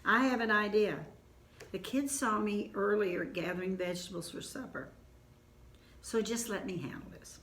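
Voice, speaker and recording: A woman's voice: medium pitch, moderate pace, a bit bright, reverberant, lightly acted. A woman doing an old granny midwife, thrilled and reassuring. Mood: decisive.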